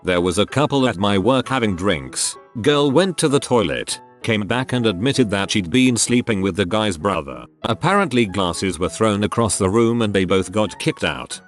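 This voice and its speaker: A man narrating forum stories in a flat read-aloud delivery. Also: on the low side, moderate pace, hardly any pauses. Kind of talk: scripted narration. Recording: faint music underneath.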